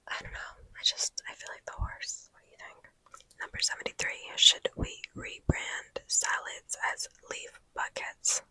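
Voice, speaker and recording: A woman's voice: bright, forceful tone, no room sound, poor audio. A woman, a mother with young children, whispering through an ASMR question list in a chatty, rambling, easily flustered way from inside a parked car. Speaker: ASMR creator. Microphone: phone.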